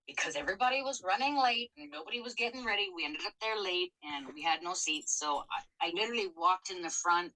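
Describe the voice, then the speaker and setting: A woman's voice: low-pitched, pushed and bright, rough recording. A middle-aged woman telling a personal story in a candid, emotional, casual chat. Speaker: co-host.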